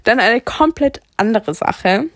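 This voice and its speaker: A woman's voice: a little high, expressive, measured pace, no echo, studio quality. A young woman, talking frankly and chattily in a casual solo podcast monologue. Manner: frank, chatty, opinionated storytelling. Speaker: podcast host.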